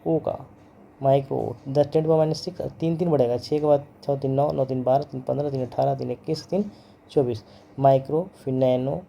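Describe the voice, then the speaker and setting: A man's voice: medium pitch, steady tone, moderate pace, gravelly, warm tone, a little hiss or hum. A man teaching physics in a lecture, repeating each term and its pronunciation over and over, mixing English terms into his Hindi. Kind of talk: classroom lecture.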